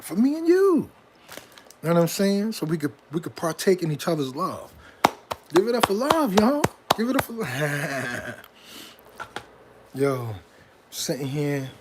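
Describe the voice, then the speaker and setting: Middle-aged New York-accented man, hip hop artist, casual rambling live chat, slightly higher voice, faint noise behind. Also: a little mellow. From Brooklyn, New York. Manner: slangy, rambling, keeps asking "you know what I'm saying". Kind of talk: casual livestream talk. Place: outdoors near a bridge.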